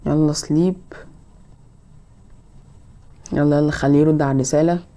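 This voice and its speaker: A woman with an Egyptian accent giving excitable let's play commentary, scolding the game characters. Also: low voice, rapid-fire. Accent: Egyptian Arabic. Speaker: gamer.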